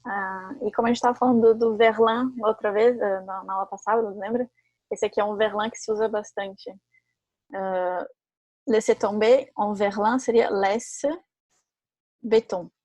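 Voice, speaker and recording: Woman, French teacher, husky voice, dry close sound. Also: medium pitch, fairly even intonation, normal speed, a little mellow, dry recording. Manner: explains in Portuguese with French examples, corrects herself. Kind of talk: online language lesson.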